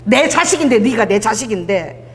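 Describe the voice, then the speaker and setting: A woman's voice: a little high, lively intonation, normal speed, a bit bright, long reverb tail. A woman preacher voicing God as a blunt father who chides his wayward child. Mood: chiding. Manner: blunt, chiding. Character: God as a gruff scolding father.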